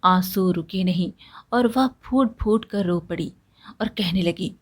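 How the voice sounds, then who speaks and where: A woman narrating a moral story in a scripted, measured storytelling manner. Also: fairly low pitch, slightly rough.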